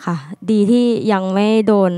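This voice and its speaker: A young woman university student answering a host on stage, speaking haltingly into a handheld mic. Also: warm tone, no room sound, studio quality. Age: young adult. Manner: hesitant, halting. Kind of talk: answering on a talk show.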